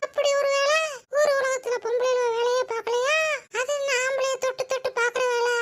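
A woman's voice: very high voice, level tone, brisk, slight background noise. A woman voicing a boastful, gossipy village woman who scolds and wails, with a Tirunelveli Tamil accent. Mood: scolding gossip. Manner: scolding, sharp-tongued, dramatic wailing.

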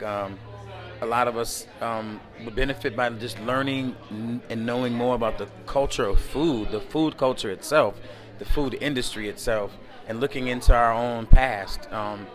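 A man answering interview questions in a relaxed, rambling way, full of fillers, recorded close to a camera indoors at a community event. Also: medium pitch. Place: indoor event space by a window at night.

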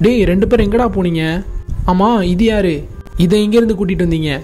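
A man's voice: high-pitched, brisk, dark tone, faint music behind, natural voice. A man playing an easygoing game hero and narrating a gameplay video, speaking plainly and giving instructions to his friends and viewers.

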